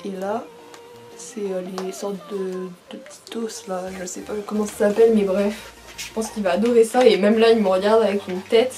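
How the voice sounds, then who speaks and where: A young woman chatting casually as she unboxes a monthly pet box, chatty and full of fillers and excited asides. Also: mid-range voice, moderate pace, faint music behind. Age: young adult.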